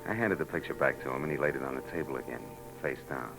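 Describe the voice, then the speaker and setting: A bass-voiced man talks quickly over background music in a poor-quality old radio broadcast. He's an actor in a 1940s radio drama, both narrator and lead, voicing a hard-boiled private eye who recounts his case in a wry, world-weary way.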